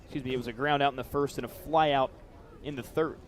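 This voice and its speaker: Steady in tone and quick in pace, this young American man's medium-pitched voice carries live radio commentary of a baseball game. He's broadcasting from an outdoor ballpark, where crowd noise fills the background.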